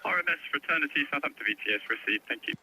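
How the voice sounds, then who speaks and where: A man's voice: on the high side, animated, very fast, pushed and bright, rough recording. A man working as a vessel traffic radio operator, speaking formal, clipped procedural phrases over marine VHF. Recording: marine radio with faint noise.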